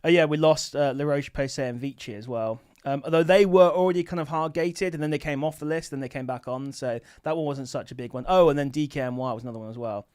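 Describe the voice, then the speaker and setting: A man's voice: on the high side, fast talker, hardly any pauses, a little mellow, clean tone, dry recording, clean studio sound. A man hosting a casual livestream, chatting informally and rambling as he answers viewers. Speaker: livestream host answering questions about online selling. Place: office.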